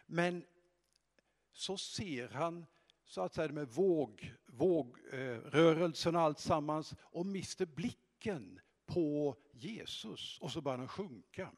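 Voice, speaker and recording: A man giving a slow, reflective sermon, pausing often and hesitating as he explains scripture. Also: a little high, lively intonation. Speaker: preacher. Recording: long hall reverb.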